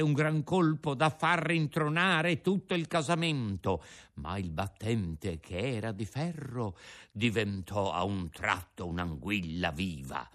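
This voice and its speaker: A man narrating a storybook in an expressive, animated way. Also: mid-range voice.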